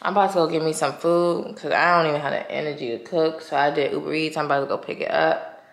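A young woman chatting casually straight to her viewers in a slangy, easygoing way. Her voice sits on the lower side. It bounces around a roomy, echoey space. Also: steady tone, fast. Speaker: vlogger. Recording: echoey room.

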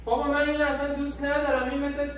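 A man's voice: extremely high pitch, monotone, a crowd in the background. A man hosting a hidden-camera prank, pleading and defensive. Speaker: prank video host. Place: indoor bedroom. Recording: echoey room, distant hidden mic, faint noise.

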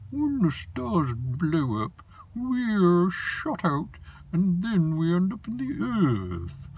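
A man voicing an odd little gold-making underground creature in a high, drawn-out, sing-song voice, heard a little away from the mic. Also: wildly swooping pitch, a little mellow, husky, muffled recording, full character voice. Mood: cheery, eager.

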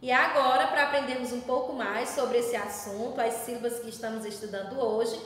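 A Brazilian Portuguese woman teaching young children, drawing out each word slowly and calling them her loves. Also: a little high, steady tone, a little hiss or hum. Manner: affectionate, drawn-out word modeling, calls pupils "meus amores". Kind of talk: slow, sing-song children's lesson. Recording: echoey room with long reverb.

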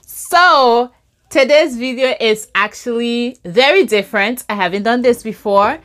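Woman from Liberia, middle-aged, fairly high voice, casual eating vlog, chatty, at home. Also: measured pace, a bit bright. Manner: chatty, eats while talking. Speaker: vlogger. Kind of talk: casual mukbang chat to camera. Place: home, at a table.

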